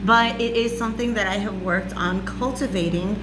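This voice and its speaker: This loud, raspy woman chats about spiritual matters at home as a channel host, her mid-range voice moving at a moderate pace with fairly even intonation. The casual teaching monologue is full of "okay?" and "all right?". A fan runs in the warm room, and the home recording has a clear hum behind her.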